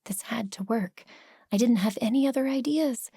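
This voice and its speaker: A woman narrating a first-person cozy mystery novel, brisk and expressive, sometimes dropping to breathy whispers. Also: a little high, no room sound, clean studio sound. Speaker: audiobook narrator.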